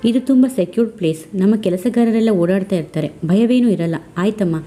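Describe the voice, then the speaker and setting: A woman voicing a kindly, fatherly older man who speaks in a gentle, reassuring way. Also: medium pitch, fairly quick, close to an everyday voice.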